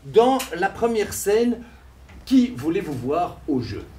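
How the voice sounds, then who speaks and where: A man's voice: sits high, slow pace. A man hosting an improv show on stage, joking with the audience as he gathers their suggestions. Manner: playful, animated, jokes with the crowd. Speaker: improv performer. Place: theater stage.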